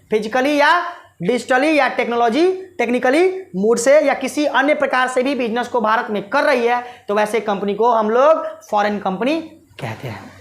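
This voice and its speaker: High-voiced woman teacher quizzing her class. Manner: quizzes students with repeated rhetorical questions; addresses listeners fondly as children. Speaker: commerce teacher. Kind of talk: explanatory class lesson.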